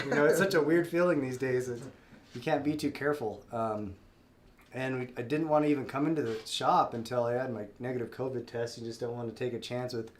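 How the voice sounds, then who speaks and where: A man with a cold hosts a live sale, his stuffed-up voice at a medium pitch. He chats casually on the stream, friendly and rambling, with many fillers and restarts.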